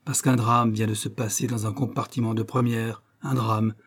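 A man's voice: mid-range voice, little pitch movement, moderate pace, husky, close to an everyday voice. A man voicing a commanding, reassuring male detective who talks firmly and soothingly, raising his voice above his narration. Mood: urgent, firm. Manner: firm, soothing, authoritative.

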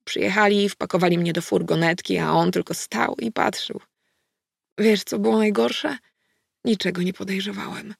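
A woman voicing a gentle, sad young male werewolf who speaks hesitantly and softly in an audiobook. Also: high voice, fairly even intonation, moderate pace, gravelly, breathy edge, no echo, studio quality, exaggerated voice. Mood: bitter. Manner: hesitant, soft, ashamed.

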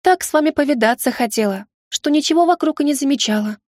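A woman's voice: high voice, animated, fast talker, dry recording, clean studio sound, pitched above the performer's own voice. Woman doing a coy, purring servant girl.

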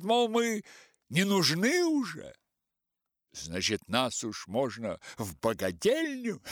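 A man's voice: a little high, a bit bright, dry recording, studio quality, pitched above the performer's own voice, heavily acted. A man voicing a sly, mocking male theater actor who talks sarcastically and mimics others.

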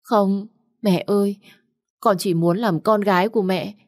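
A woman's voice: lowish voice, moderate pace, a little mellow, dry recording, clean studio sound, lightly acted. A woman voicing a scheming young woman who begs tearfully in a raised, pleading voice. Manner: pleading, sobbing, wheedling.

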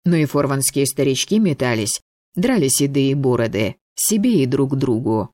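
A woman's voice: extremely low pitch, expressive, moderate pace, mellow, no room sound, clean studio sound. Woman reading a wry fantasy audiobook. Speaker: audiobook narrator. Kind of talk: first-person fantasy audiobook narration.

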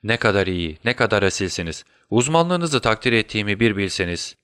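A man's voice: on the low side, lively intonation, a little fast, a bit bright, clear, resonant tone, no echo, clean studio sound. A man voicing a brilliant detective who fakes a deadly illness, switching between urgent orders and weak whispers. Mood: feeble, whispering. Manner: urgent commands, then feeble whispers. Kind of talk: audiobook character voice.

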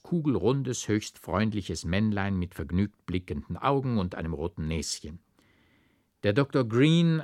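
A man with a low voice reads an old literary tale, shaping each sentence with careful stress and rhythm. The sound is close and dry, with no room around it. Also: no room sound. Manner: expressive, rhythmic storytelling. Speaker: audiobook reader. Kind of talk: literary audiobook reading.

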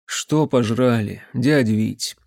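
Casting: man as weary male mage, calm and flat, dry close sound. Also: medium pitch, slow pace, gravelly, no room sound. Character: tired, patient male mage.

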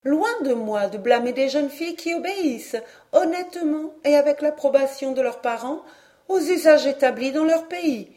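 A woman's voice: sits high, animated, moderate pace, dark tone, voice pushed up. A woman voicing an anxious, proper older aunt who speaks in a fretful, prim, exclaiming way in an audiobook.

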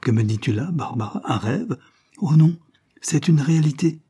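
A man's voice: on the low side, moderate pace, warm tone, husky. A man reading the part of a shaken young man on the run, who speaks urgently and insistently. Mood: agitated, insistent.

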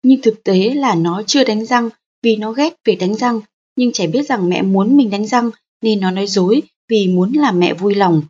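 A woman narrating a parenting audiobook in a calm, steady, explanatory manner. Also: mid-range voice, moderate pace, husky, lo-fi sound.

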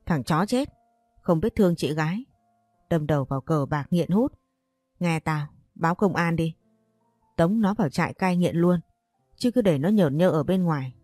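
A woman's voice: fairly low pitch, warm tone, no room sound, clean studio sound. A woman voicing a brash, talkative young woman friend who teases and scolds bluntly in an audio story. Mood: scolding.

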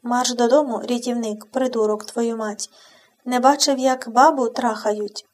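A woman voicing a coarse village bandit man who barks rough insults in an audiobook. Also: fairly high pitch, steady tone, measured pace, darkish tone. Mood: snarling. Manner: rough, swearing, barking.

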